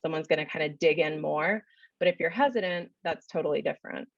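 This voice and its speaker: A woman's voice: low-pitched, fairly quick, no room sound, highs cut off. A woman psychologist answering questions in a webinar, thoughtful, with many "you know" fillers. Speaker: psychologist guest speaker.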